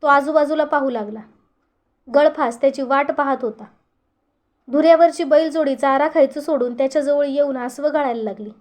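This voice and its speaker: A woman storyteller giving a steady, earnest scripted narration of a short story. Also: high voice, moderate pace.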